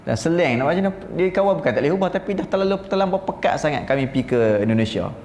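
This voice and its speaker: A man with a northern Peninsular Malaysian Malay accent giving a religious lecture, telling stories in an animated way. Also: fairly high pitch, racing, slight background noise. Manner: animated storytelling, mimics recitation styles. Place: seminar room. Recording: roomy seminar room, faint ambience.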